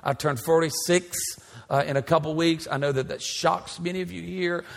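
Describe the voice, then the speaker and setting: A man's voice: a little high, fairly even intonation, moderate pace, gravelly. A pastor in his forties preaching a sermon in a church, with an emphatic, repetitive cadence. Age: 40s. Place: large church sanctuary. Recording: church hall reverb.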